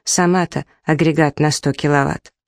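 Woman reading sharp-tongued young wife, sarcastic, quarrelsome, dry close sound. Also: deep voice, fairly even intonation, normal speed, dry recording. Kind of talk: reading a story aloud.

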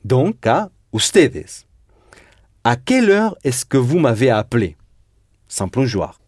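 A man's voice: mid-range voice, sing-song, takes it slowly, darkish tone, no room sound, clean studio sound. A man teaching a Spanish lesson in French, patiently drilling verb endings and repeating students' answers. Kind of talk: language lesson drilling conjugations.

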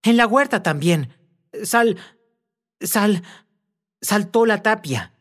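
Man doing a stammering excited woman. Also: high voice, takes it slowly, pitched above the performer's own voice, heavily acted. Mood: nervous eager. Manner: stammering, breathless. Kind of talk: audiobook character voice.

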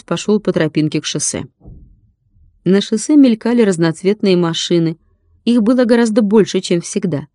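A woman reading a children's story aloud as an audiobook narrator, in a calm, even storytelling manner. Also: lowish voice, no echo, studio quality. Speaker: audiobook reader.

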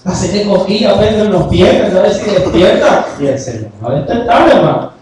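A male pastor with a high voice preaches in call-and-response style, firing rhetorical questions at the congregation and slipping in jokey asides. His voice rings through a very echoey church hall and is picked up from well back from the mic. Faint noise sits underneath. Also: big pitch swings, brisk, a little mellow, recorded from a distance. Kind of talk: sermon.

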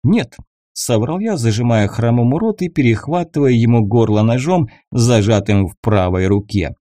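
A man narrates a first-person audiobook in a steady, grim way. His voice is mellow and dark-toned, with lively pitch movement. The recording is dry and close, with no room sound. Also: normal speed, dry recording.

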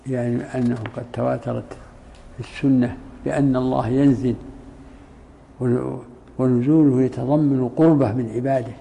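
A man, a sheikh in a mosque, giving a creed lecture in a measured way, with pauses and restarts. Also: medium pitch, vocal fry, dark tone, slight background noise, low-quality recording. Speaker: sheikh explaining a text.

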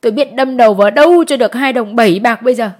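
A woman's voice: a little high, fast talker, a little mellow, close to an everyday voice. A woman voicing a poor peasant wife who pleads and cries over taxes she cannot pay. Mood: wailing. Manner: pleading, sobbing.

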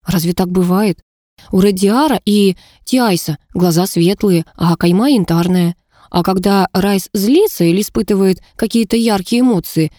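A woman's voice: medium pitch, warm tone, no echo, studio quality, natural voice. A woman voicing an urgent young heroine. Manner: urgent, pleading. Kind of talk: audiobook narration.

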